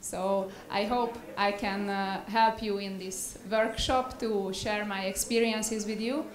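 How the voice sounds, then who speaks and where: Hesitant Hungarian woman in her thirties, mid pitch, speaking in a reverberant hall with light background noise. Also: fairly even intonation, slow. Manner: hesitant, many fillers. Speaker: guest speaker, basketball player. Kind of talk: self-introduction. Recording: echoey hall with faint noise.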